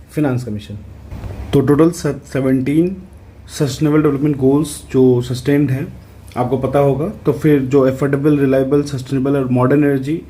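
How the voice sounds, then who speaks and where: Man tutoring in a mellow voice. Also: fairly high pitch. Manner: conversational, repeats "ठीक है" to check in, reads English questions out slowly. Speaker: exam prep tutor. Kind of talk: casual explanatory lesson.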